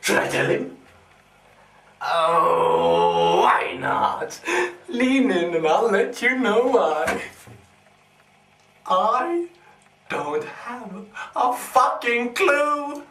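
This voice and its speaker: An actor playing a deranged, gleeful, sadistic clown supervillain in a theatrical monologue, mocking and erratic, recorded with a roomy echo. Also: male voice, sits high, wildly swooping pitch, extremely slow, pauses often, recorded from a distance, a little hiss or hum, full character voice. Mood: taunting, gleeful. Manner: theatrical, mocking, erratic swings between whispering and shouting.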